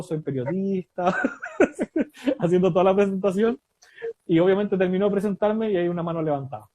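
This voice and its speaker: A Chilean man in his thirties tells a story casually and with animation, slipping into the voices of the people in it and laughing along the way. His voice sits a little high for a man, with a mellow, soft tone and a husky edge. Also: no echo, rough recording. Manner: animated, laughing often, acting out quoted dialogue. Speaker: guest storyteller. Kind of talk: casual anecdote telling.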